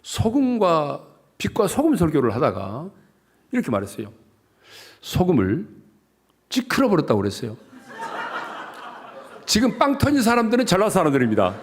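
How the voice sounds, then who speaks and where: A man from South Jeolla, Korea, preaching a revival sermon as pastor in a joking, animated way. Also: sits high, fast, some chatter behind.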